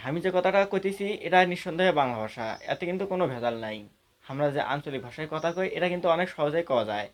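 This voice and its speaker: Guy debating, blunt and folksy, talks fast, voice a bit high. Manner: folksy and blunt, arguing for dialect. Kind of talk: debate speech.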